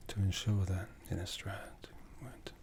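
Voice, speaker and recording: This ASMR roleplay features a man as an ancient vampire lord, brooding and courtly, commanding yet softly menacing. His voice sits low and stays steady, breathy and hushed, turning to whispers in a solemn, deliberate and intimate delivery.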